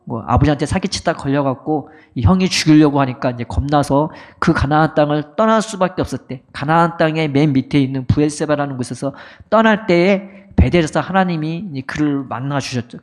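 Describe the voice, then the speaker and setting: A middle-aged male pastor preaching a sermon, telling a story and asking rhetorical questions. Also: on the high side. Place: church sanctuary.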